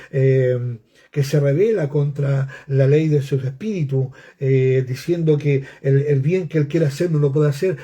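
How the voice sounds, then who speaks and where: Male preacher, sermon, husky voice, very warm and mellow tone, earnest, repetitive. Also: mid-range voice. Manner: earnest, repeats phrases, asks the congregation "¿no es cierto?".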